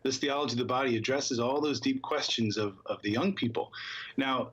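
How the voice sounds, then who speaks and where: A man's voice: mid-range voice, fairly quick, a bit bright, breathy edge, highs cut off. A man being interviewed on a TV talk show, explaining with upbeat fluency. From Philadelphia area. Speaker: guest spokesperson. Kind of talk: TV studio interview.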